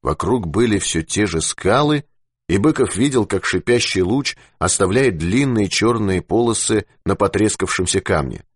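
Deep-voiced male audiobook narrator. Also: expressive, normal speed, breathy edge, dry recording, clean studio sound.

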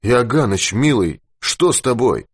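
A man's voice: medium pitch, animated, unhurried, husky, no room sound, clean studio sound, pitched above the performer's own voice. A man voicing a sluggish, exhausted adult male explorer in an audiobook. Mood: weary. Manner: sluggish, weary.

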